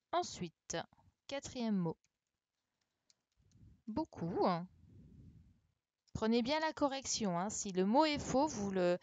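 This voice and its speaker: Woman, primary teacher on a live stream, slow, deliberate delivery, spells out letters, dry close sound. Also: medium pitch, darkish tone, no echo, dull audio. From France. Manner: patient, spells words out letter by letter with frequent "hein" and "d'accord". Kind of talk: live-streamed dictation correction lesson. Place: home setup for an online class. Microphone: computer microphone for a live stream.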